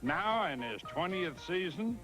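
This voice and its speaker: A man reading the scripted narration of a baseball feature with a measured, punchy delivery. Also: sits high, big pitch swings, music in the background, rough recording.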